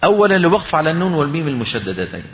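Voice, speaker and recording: Teacher in a reverberant hall. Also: male voice, a little high, very animated, a bit bright. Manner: asks questions and answers them himself; chants Quranic examples slowly. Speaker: Quran recitation teacher. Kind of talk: recitation lesson.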